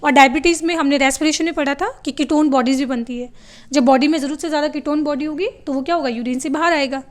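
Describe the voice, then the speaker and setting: A woman's voice: high voice, fast. A woman teaching a biology class, who asks her students questions and answers them herself, often switching to English terms. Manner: calls her students "beta" and tells them to write things down. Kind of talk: classroom lecture.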